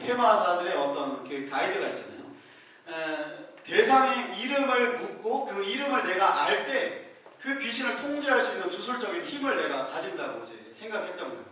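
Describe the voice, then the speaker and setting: A male pastor giving a conversational sermon, telling the story in a lively way and acting out the scenes. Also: high-pitched. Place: small church room. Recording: very echoey room, mic far off.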